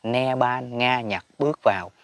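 A man's voice: medium pitch, unhurried, no room sound. Guy chatting about buddhism, laughs a lot, mid voice, dry close sound. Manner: chatty, chuckles often, emphatic swings in loudness. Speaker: spiritual teacher. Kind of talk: casual Buddhist teaching talk.

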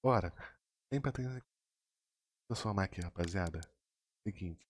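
A man with a Brazilian Portuguese accent, a gaming streamer giving casual case-opening commentary, excitable and full of slang, jumping into high squeals when he wins. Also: normal speed, slight background noise. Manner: excitable, slangy, hyping himself up.

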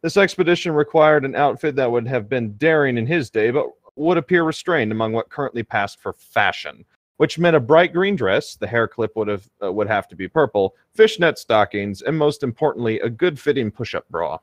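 A man's voice: medium pitch, lively intonation, fairly quick, no echo. A man chatting casually with friends and reading a story aloud.

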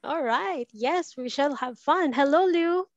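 A high-pitched Filipino woman speaks at a measured pace as she hosts a language webinar on a video call. Her manner is cheerful, welcoming and scripted-sounding, and the muffled audio has no room sound.

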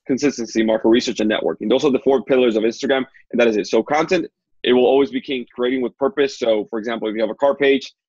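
This young Dominican man in his 20s, an Instagram consultant, joins a casual video-call interview as a guest from a small room in his home. His husky, mid-range voice is steady in tone and a little mellow, though the earbud audio is muffled, dull and echo-free. He speaks fast and chattily, repeating himself and using many fillers.

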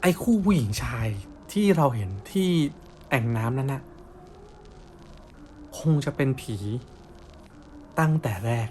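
Young male storyteller, coarse and casual, mid-pitched voice, faint hiss behind. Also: sing-song, measured pace, long pauses, a little mellow. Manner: blunt slangy storytelling with coarse words. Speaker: ghost story narrator. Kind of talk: casual spoken ghost story.

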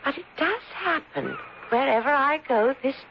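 A frail, melancholy young lady speaks softly in a highish, slightly gravelly voice. This 1970s radio drama sounds muffled. Steady hiss runs beneath her. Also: moderate pace. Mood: wistful. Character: delicate, pale young woman, frail and melancholy. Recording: hissy lo-fi vintage radio recording.

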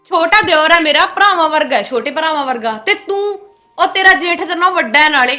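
A woman's voice: high-pitched, lively intonation, quick pace, pushed and bright, soft background music. A woman playing a stern elder sister-in-law in a family short film, lecturing and scolding the younger wife.

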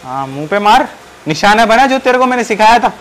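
High-voiced bossy Pakistani prank barber. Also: male voice, sing-song, brisk, crowd noise. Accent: Pakistani Urdu. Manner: bossy, scolding, mock-apologetic. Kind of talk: loud comic prank banter. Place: busy barber salon indoors.

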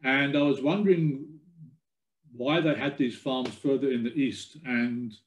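An older man giving an informal, somewhat halting slide lecture over a video call from a room at home. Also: medium pitch, reverberant, a little hiss or hum, low-quality recording. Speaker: guest lecturer.

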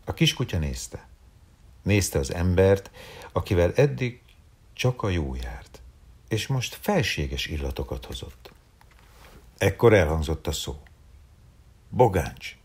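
A man, an actor, reading a story aloud in a calm, expressive way, at times dropping to a whisper. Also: low voice, pauses often, slightly rough. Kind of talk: storybook read-aloud narration.

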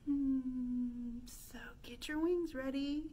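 A children's librarian in her thirties hosts an interactive pretend-play storytime in an indoor room with a stone fireplace, asking young children questions in a sing-song way. Her high voice is mellow and slightly rough, very slow with fairly even intonation, on a low-quality recording.

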